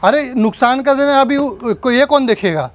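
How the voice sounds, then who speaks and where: Guy with a pretty high voice yelling and scolding at home, bit of noise behind. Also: moderate pace. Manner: scolding, angry, threatening. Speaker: prankster husband. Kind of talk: staged angry argument.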